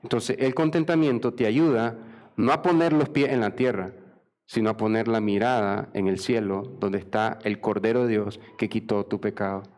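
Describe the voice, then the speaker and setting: A pastor preaching a sermon with passion, acting out the dialogue between God and Jacob. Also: male voice, lowish voice, fairly even intonation, normal speed, darkish tone.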